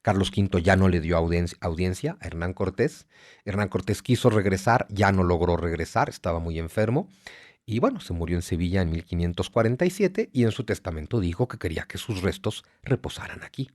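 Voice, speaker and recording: A man's voice: deep voice, expressive, fairly quick, a little mellow, dry recording, clean studio sound. A man in his forties with a Mexico City accent, speaking as an interview guest, emphatic and lecturing, stacking lists and rhetorical questions. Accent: Mexico City Spanish. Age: 40s. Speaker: guest writer. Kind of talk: conversational interview.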